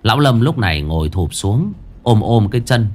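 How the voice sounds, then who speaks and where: Male ghost-story narrator, low voice with an animated, swinging delivery. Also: normal speed, faint music behind. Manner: lively, dramatic.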